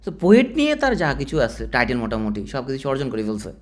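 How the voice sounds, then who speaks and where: A man's voice: mid-range voice, fast talker. A man with a Bangladeshi Bengali accent giving an informal exam-prep literature lecture, talking straight to his students. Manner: animated, informal teacher, addresses students directly. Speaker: teacher.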